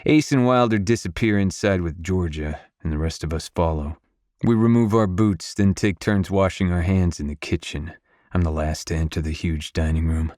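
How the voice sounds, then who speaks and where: Deep-voiced male audiobook narrator. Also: normal speed, darkish tone, no room sound, studio quality. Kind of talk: first-person audiobook narration.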